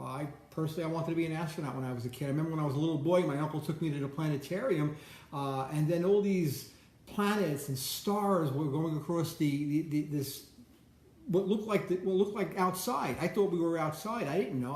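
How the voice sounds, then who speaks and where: A man with a slightly high voice gives a loose, rambling monologue that often stumbles and repeats words at the start of sentences. He keeps breaking off to greet people passing by. The sound is roomy and echoey. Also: fairly quick, darkish tone. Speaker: host. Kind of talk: casual motivational monologue.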